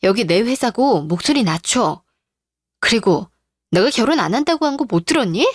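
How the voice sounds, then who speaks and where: A sharp young businesswoman who scolds in short, cold sentences, as a woman plays her. Her voice sits somewhat high and sounds dry and close, with no room around it, as in a storybook radio drama. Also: expressive, moderate pace, dry recording. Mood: angry. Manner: curt, scolding.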